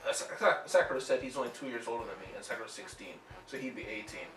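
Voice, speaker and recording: A man's voice: mid-range voice, racing, a bit bright. A man co-hosting an anime reaction, thinking aloud and speculating in casual group discussion. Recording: roomy echo, mic at a distance.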